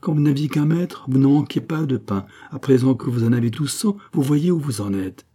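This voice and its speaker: Impatient minister, scornful, dark-toned; man reading the part. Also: mid-range voice, expressive, fast talker, voice pushed up, lightly acted. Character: impatient, haughty male minister.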